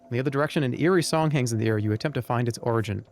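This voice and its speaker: A man's voice: mid-range voice, rapid-fire, lightly acted. Storybook narrator, a man: earnest, dramatic scripted read, fantasy adventure game, faint music.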